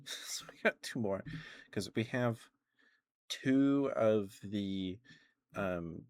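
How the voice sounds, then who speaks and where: Low-pitched young man rambling in soft ASMR. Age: young adult. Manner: rambling, giggly, halting. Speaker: ASMR streamer.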